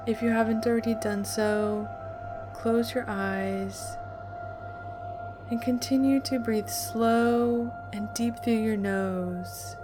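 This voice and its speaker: A woman narrating a guided meditation in a calm, soothing, deliberate way with long pauses. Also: a little high. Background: music.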